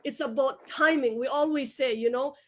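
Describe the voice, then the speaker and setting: A woman with a high voice, a Somali native speaker, talks at a normal speed as a business owner giving a motivational interview. She speaks emphatically, repeating key phrases to drive them home.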